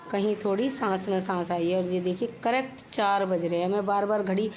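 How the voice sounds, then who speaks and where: A woman's voice: mid-range voice, a little mellow. A middle-aged woman talks in a chatty, homely way, narrating her daily chores as a voice-over. Her throat is a little sore, and a faint hiss sits behind her voice. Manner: chatty, homely, explains while working. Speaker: home vlogger. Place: home.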